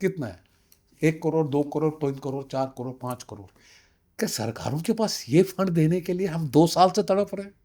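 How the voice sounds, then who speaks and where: At a normal pace, in a warm, slightly high voice, a Kashmiri community representative of around sixty is interviewed. His testimony is emphatic and insistent, marked by rhetorical questions and English phrases mixed into his speech.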